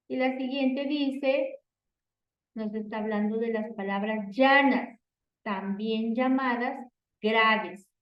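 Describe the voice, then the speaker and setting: A woman teaching an online class, talking slowly and patiently, repeating each point. Her voice is fairly high and sounds distant from the mic, in a roomy space. The audio is dull and muffled. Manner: slow, repetitive explaining with frequent "entonces" and "por favor".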